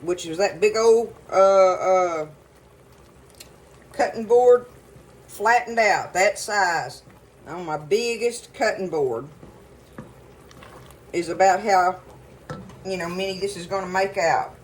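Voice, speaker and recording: A chatty woman talks through a recipe in her home kitchen, folksy and rambling, her pitch sitting in an ordinary middle range. A faint hum of ambience sits behind her voice. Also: takes it slowly, pauses often, rough recording. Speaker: cooking show host. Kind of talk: casual cooking demonstration.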